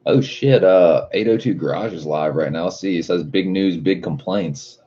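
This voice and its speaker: A man's voice: deep voice, normal speed, husky. A man talking like a frat bro, full of "dude" and swearing, chatting casually on a livestream as he hosts and answers viewers. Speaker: car livestream host. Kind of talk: casual livestream chat, reading out viewer comments. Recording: muffled audio with loud music behind. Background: loud music.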